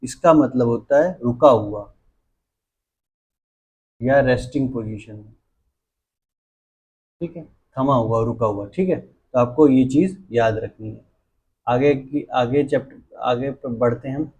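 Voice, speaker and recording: Man, grammar teacher, slow deliberate delivery, spells words letter by letter, husky. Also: mid-range voice, darkish tone, dull audio. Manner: repeats key words and checks in with "theek hai". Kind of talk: classroom-style exam lesson.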